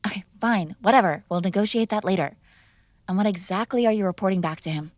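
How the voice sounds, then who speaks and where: A fast-talking woman with a darkish, mid-range voice plays a mob boss's defiant, spoiled daughter, speaking close to the microphone in an intimate one-sided ASMR girlfriend roleplay. Lightly acted and recorded without room sound, she's teasing, sarcastic, conversational, indignant, and challenging.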